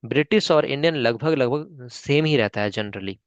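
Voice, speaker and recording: A man's voice: mid-range voice, normal speed, smooth, dry recording, dull audio. Patient Indian English teacher, man. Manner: patient, repeats "ठीक है?" often, spells words syllable by syllable. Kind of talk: online spoken English lesson in Hindi.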